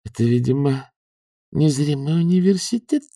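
A man voicing a dazed, polite young man who speaks quietly. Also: on the high side, lively intonation, moderate pace, no room sound, clean studio sound, voice pushed up.

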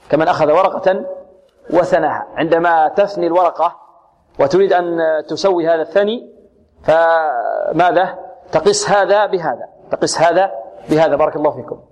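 A man teaching Quran recitation rules, who asks his students questions and answers them himself, and repeats letters and words slowly and drawn out as examples. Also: a little high, a little mellow. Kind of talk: tajweed lesson with recited examples.

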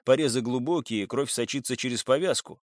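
A man narrating an audiobook in an expressive, scripted reading on a close mic. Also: mid-range voice, fairly quick, no echo.

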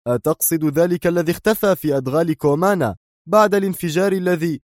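A stern, indignant security chief, as a male narrator puts him on in an audiobook scene, his voice pushed up high and strained. The sound is dry and close, with no room in it. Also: fast, no room sound, lightly acted.

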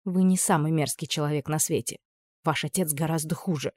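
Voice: mid-range voice, fairly even intonation, a little fast, a little mellow, dry recording, natural voice. A reader voicing a frightened but proud teenage girl who stands up to her tormentors with cold defiance. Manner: trembling yet proud, raised voice.

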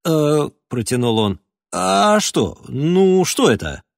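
Guy doing a nervous confused young guy, higher pitch, stumbly, dry sound. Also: big pitch swings, slow, creaky, no room sound, full character voice. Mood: bewildered. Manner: hesitant, bewildered. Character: mild earnest young man, puzzled and cautious. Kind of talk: audiobook character voice.

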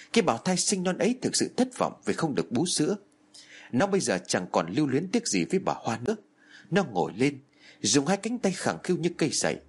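A man narrating a horror story with dramatic, lively delivery. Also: mid-range voice.

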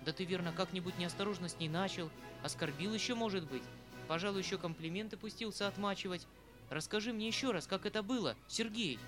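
Fretful aging uncle, retired colonel, read by a man, rambling and pleading, soft music behind. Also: high voice, fast talker, close to an everyday voice. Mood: agitated. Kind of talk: audiobook reading of a classic novel. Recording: faint background music.

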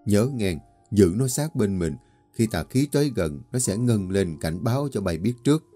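A man voicing a grave, commanding old male folk exorcist, speaking slowly and with weight. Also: on the low side, animated, mellow, soft background music. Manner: slow, weighty, authoritative.

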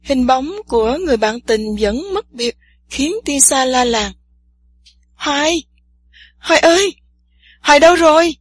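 A woman's voice: high-pitched, lively intonation, measured pace, breathy edge, exaggerated voice. A woman doing a shy village girl. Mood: frightened.

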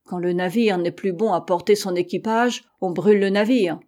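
Woman reading as a loud, insolent sailor. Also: mid-range voice, moderate pace, lightly acted. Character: angry insolent male sailor.

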